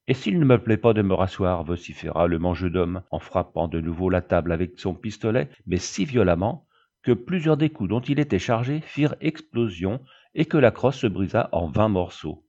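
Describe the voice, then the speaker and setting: Brief: male audiobook narrator, measured and even, muffled low-fi sound. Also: breathy edge. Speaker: audiobook reader. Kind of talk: scripted narration of a novel. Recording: dull lo-fi recording.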